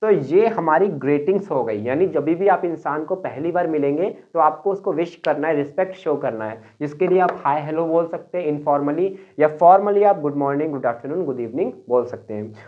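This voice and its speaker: A man's voice: fairly high pitch, expressive. Man teaching English, tinny phone-like sound. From Uttar Pradesh, India. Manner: explains step by step, slows down on model phrases. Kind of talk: spoken English lesson.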